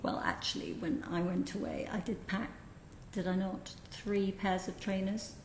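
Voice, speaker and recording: A woman's voice: mid-range voice, fairly even intonation, normal speed, vocal fry, echoey room, a little hiss or hum, poor audio. A woman hosting a casual chat, curious and chatty, asking a guest about packing. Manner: curious, chatty, asks questions. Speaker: host.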